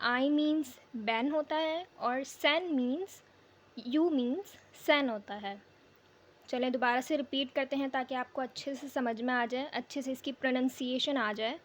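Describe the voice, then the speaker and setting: A young woman with a high, light voice leads a beginner language lesson. She says each phrase slowly and repeats it in patient drills. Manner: slow, repeated pronunciation drills. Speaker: language teacher.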